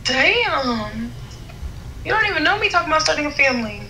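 Young american girl, highish bright voice, skeptical slangy chat, faintly noisy video call. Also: sing-song, fairly quick. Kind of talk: casual chat. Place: indoor room at home. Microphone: phone at arm's length, video call.

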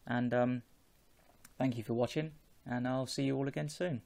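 A man, talking in a measured, explanatory way as a vlogger chatting casually on an earphone microphone at home. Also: medium pitch, fairly even intonation, creaky, a little mellow. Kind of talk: casual chat to camera. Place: small home room with bookshelves.

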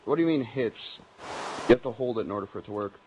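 A man's voice: medium pitch, expressive, very fast, narrow, tinny audio. A man chatting during a game, bossy and fussy about keeping things organized. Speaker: gamer co-host. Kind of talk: casual gaming chat. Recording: noisy capture with clicks.

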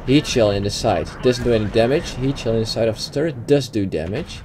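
Brisk and darkish in tone, this mid-range male voice belongs to a young Dutch gaming YouTuber commenting over a replay. His Dutch-accented talk is hesitant, with fillers and restarts, against background game noise.

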